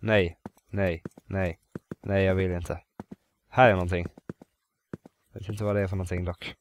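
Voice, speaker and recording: With slight background noise behind him, a deep-voiced man from Sweden plays a horror game and talks through it flatly. He's on edge, mumbling to himself, saying things over and cursing whenever he gets a scare.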